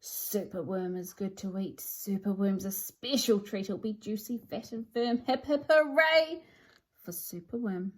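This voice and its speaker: A woman's voice: mid-range voice, measured pace, pitched below the performer's own voice, lightly acted. A woman voicing a grim, scary servant crow that gloats over its prey in chanted storybook rhyme. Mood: sinister gloating. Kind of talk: storybook read-aloud.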